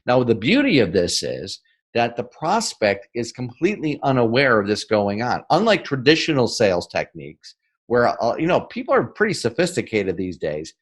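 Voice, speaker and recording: This northern American man, with a mid-range voice, is being interviewed on a podcast and teaching sales methods. His delivery is emphatic and lively, peppered with "right?", and he varies his tempo for emphasis.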